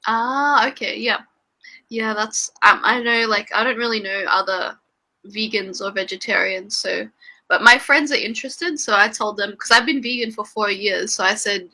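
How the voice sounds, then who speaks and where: A woman's voice: mid-range voice, moderate pace, sharp tone. A young Australian woman, an English tutor, chatting casually on a video call with lots of fillers and laughter. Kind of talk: casual online lesson chat.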